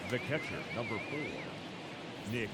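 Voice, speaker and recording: An actor voicing a male stadium announcer whose formal calls boom out through the ballpark loudspeakers from a distance. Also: normal speed, noisy background. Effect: heard through stadium loudspeakers. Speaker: stadium public address announcer. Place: baseball stadium in a video game. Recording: distant loudspeaker voice over loud crowd.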